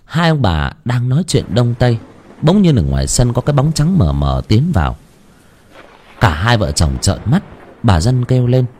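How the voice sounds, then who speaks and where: A man narrating a village ghost story in a folksy, expressive way. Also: medium pitch, moderate pace, a little hiss or hum.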